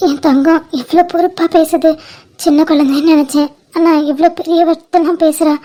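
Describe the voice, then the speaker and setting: Tender, pleading mother, voiced by a woman; high, flat, mellow voice; homemade cartoon. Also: brisk, natural voice. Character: tearful mother seeing her daughter off. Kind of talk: amateur cartoon voice acting.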